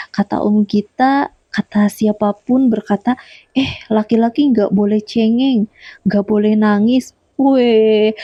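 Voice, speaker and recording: A woman's voice: fairly high pitch, dark tone, dry recording, dull audio. A woman giving a motivational talk straight to her viewers, often repeating her points and asking them questions. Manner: repeats key points, asks the listener questions. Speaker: motivational YouTuber. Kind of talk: direct-to-camera motivational talk.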